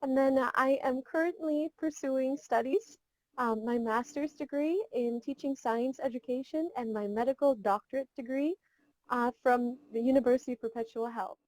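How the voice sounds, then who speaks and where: A woman in her twenties from Seattle, United States, with an American accent, answers questions as a beauty pageant contestant in a casual online interview over video call. Her high, darkish voice comes at a moderate pace, earnest and upbeat, with an occasional Filipino word. The recording is dry and of poor quality.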